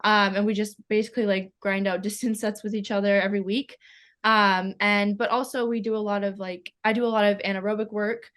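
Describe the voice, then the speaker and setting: A woman's voice: medium pitch, little pitch movement, a little fast, fairly bright tone. A teenage girl from Canada, an athlete answering interview questions in a chatty way, with lots of ums and likes. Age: teens. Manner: chatty, many ums and likes, laughs often. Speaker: swimmer interviewee.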